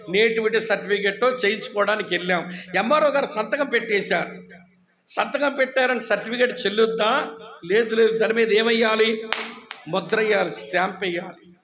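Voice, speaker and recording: High-voiced man preaching in an echoey hall. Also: bright, forceful tone. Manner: call-and-response, firing questions at the congregation; teasing, humorous about dozing listeners. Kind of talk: sermon.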